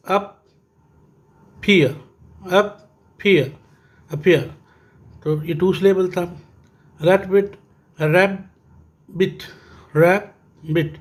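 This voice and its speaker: Slow, high-voiced Pakistani teacher. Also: male voice, darkish tone. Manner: slow, repetitive teaching with frequent "ji" checks; addresses students fondly, reads English text aloud. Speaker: English teacher. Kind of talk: classroom grammar lesson.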